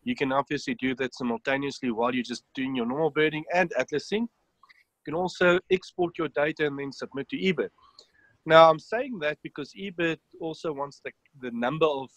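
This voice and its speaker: Heard over an online call, this South African developer has a slightly high, fairly bright voice, and the recording is dry and rough. In his webinar demonstration he explains phone app setup one step at a time, with plenty of ums.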